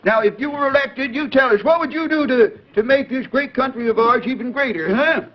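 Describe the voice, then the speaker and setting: A man's voice: very high voice, a little fast. An American man hosting a 1950s children's television show, chatting with kids in a folksy, exclamatory, coaxing way. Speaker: children's TV host. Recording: dull, noisy vintage 1950s TV broadcast.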